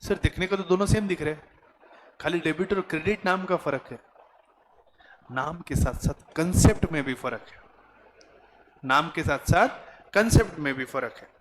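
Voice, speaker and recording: A man teaching a commerce class, questioning students and explaining slowly in a classroom. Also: on the high side, a bit bright, slight background noise. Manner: mixes Hindi, Marathi and English, quizzes students; slow, deliberate explaining. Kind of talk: classroom lecture.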